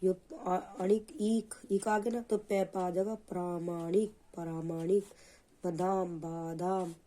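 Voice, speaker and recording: A woman's voice: lowish voice, level tone, slow, mellow, a little hiss or hum. A woman teaching a spelling lesson for an exam, patiently saying each word twice and correcting the wrong form after it. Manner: patient, drilling delivery.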